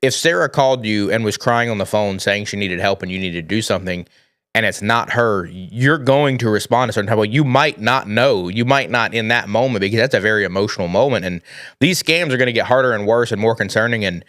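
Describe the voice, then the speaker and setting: A man co-hosting a casual finance chat, rambling quickly with slang and filler words. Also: on the low side, fairly bright tone, dry recording, studio quality.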